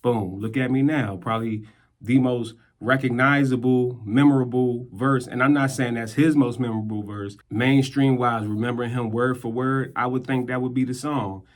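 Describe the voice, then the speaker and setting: A man's voice: medium pitch, fairly even intonation, moderate pace. A man, a skit creator and rapper, telling a casual story in a laid-back, slangy way. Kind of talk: casual talking-head storytelling.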